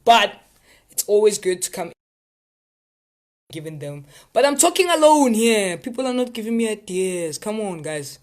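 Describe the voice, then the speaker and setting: His voice sits high with a sing-song lilt and a moderate pace as he hosts a relaxed live tips session for viewers. The South African man rambles along in a playful manner.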